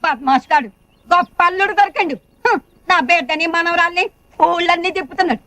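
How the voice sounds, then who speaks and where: A woman's voice: very high-pitched, fast, pushed and bright, no echo. An actress playing an older grandmother with a Telangana accent who grumbles and curses her son-in-law. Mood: grumbling. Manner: grumbling and cursing. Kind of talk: film dialogue.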